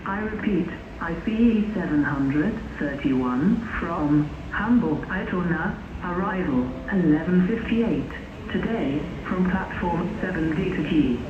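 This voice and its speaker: A woman giving a measured, formulaic automated platform announcement as a railway station announcer over loudspeakers. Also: on the low side, expressive. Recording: echoey muffled PA, noisy station.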